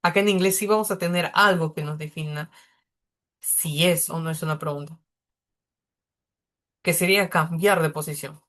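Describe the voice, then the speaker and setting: A man's voice: fairly high pitch, steady tone, normal speed, long pauses, pushed and bright. Man, patient English teacher, beginner lesson, step-by-step explanations.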